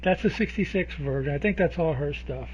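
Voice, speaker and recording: A man's voice: fairly high pitch, brisk, darkish tone, a little hiss or hum. A man in his sixties co-hosting a podcast, chatting casually about an old movie and breaking in with side comments. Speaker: podcast co-host. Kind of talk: casual film discussion. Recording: dull lo-fi podcast audio.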